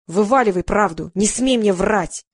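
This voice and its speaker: A woman's voice: mid-range voice, moderate pace, no room sound, clean studio sound, lightly acted. A woman voicing a furious, defiant thirteen-year-old girl who accuses and mocks her mother in an audiobook. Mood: mocking. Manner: accusing, mocking.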